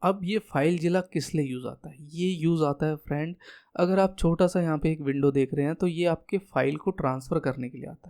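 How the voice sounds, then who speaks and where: A man with a fairly high voice and an Indian accent walks students through an exam answer on a shared screen. He keeps asking questions and then answers them himself, and he calls his listeners friend. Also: a little mellow. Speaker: tutor.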